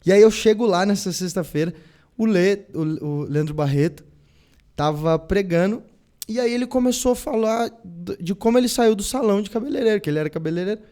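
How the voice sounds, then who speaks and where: A young Brazilian man tells a long personal story as a podcast guest, acting out every quoted line in an animated, conversational way. His voice sits a little high for a man but has a mellow, warm color. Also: a little fast. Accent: Brazilian Portuguese. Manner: animated, acts out quoted dialogue. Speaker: podcast guest, band musician. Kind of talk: casual storytelling interview.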